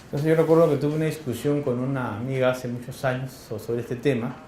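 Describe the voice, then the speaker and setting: A man with a Peruvian accent giving a classroom lecture, firing quick questions at his students in a colloquial way. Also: medium pitch, steady tone, warm tone, slight background noise. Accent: Peruvian Spanish. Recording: echoey classroom.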